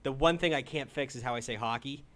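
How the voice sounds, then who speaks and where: A man in his twenties with a New England accent hosts a call-in livestream, speaking fast at medium pitch with crowd noise behind him. In this casual chat he rambles and swears through a loose pep talk as he gives advice.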